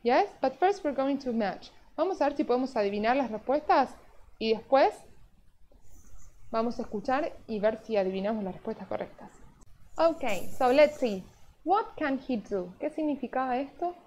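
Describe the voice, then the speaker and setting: Speaking at a normal pace, a woman with a high, expressive and slightly dark voice runs a live online English lesson in both English and Spanish. She explains things patiently, one step at a time, often asking "yes?" Her video-call audio is dull and lo-fi with a faint hiss or hum.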